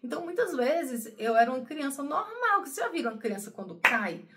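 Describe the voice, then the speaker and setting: Addressing her audience as "gente" again and again, a spiritual channel host pours out an emotional, personal monologue full of rambling and repetition. She speaks briskly in a high, sing-song voice, and the recording is very noisy.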